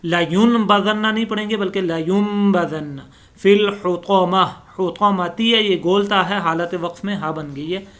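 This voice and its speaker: A man teaching Quran recitation, explaining pronunciation rules and chanting each verse slowly. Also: high voice, a bit bright. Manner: slow explanatory teaching, recites verses in drawn-out melodic style.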